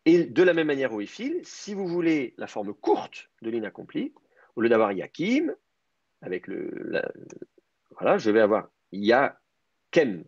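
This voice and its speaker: A man's voice: mid-range voice, sing-song, measured pace, no room sound, muffled recording. A man teaching a Hebrew grammar class online, explaining step by step and thinking aloud with many hesitations.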